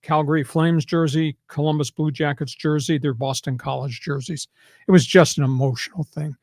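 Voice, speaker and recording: An older man hosting a sports podcast in a fairly high voice, punching his points hard and sliding into preachy rants. The sound is close and dry, with almost no room in it. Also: steady tone, moderate pace, darkish tone, no echo. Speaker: sports talk host. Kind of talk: casual sports talk.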